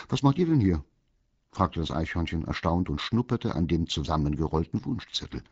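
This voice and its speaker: A man reading a children's story aloud as the narrator, in a calm, measured way. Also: low-pitched, breathy edge, no echo, muffled recording.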